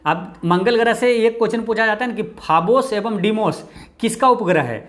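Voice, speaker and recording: A man with a Bihari Hindi accent teaching exam-prep quiz answers, often dropping low and quiet for "keep this in mind". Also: fairly quick. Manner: repeats "ye dhyan rakhna hai" with a low, quiet drop.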